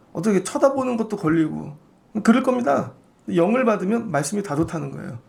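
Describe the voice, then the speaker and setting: High gravelly Korean pastor preaching. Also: male voice, a little mellow. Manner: conversational preaching, acts out quoted voices. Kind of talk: sermon. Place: church sanctuary.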